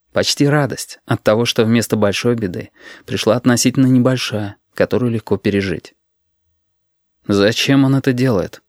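A man reading an audiobook in a measured, even storytelling manner. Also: mid-range voice, no echo, studio quality. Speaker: audiobook narrator. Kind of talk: scripted narration.

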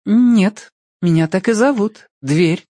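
A man reading the part of an odd, pale young woman who is calm and stubborn, in a lilting, matter-of-fact way. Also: high-pitched, slow, no room sound, clean studio sound, voice pushed up.

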